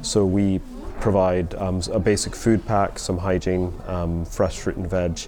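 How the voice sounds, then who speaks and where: A man's voice: low-pitched, little pitch movement, unhurried, dark tone. A man explains things informally as an interviewee, in a hesitant, thoughtful manner. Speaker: community support project worker.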